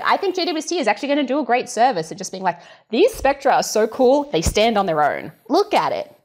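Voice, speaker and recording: A woman appears as a guest scientist, explaining things in a casual, animated, conversational manner and acting out imagined remarks. Her voice is mid-range.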